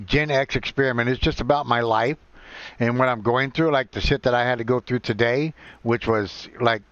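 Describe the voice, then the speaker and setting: A man in his forties chatting casually and haltingly while live-streaming a game, rambling and self-deprecating. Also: medium pitch, a bit bright, dry recording. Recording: dull lo-fi, dry sound.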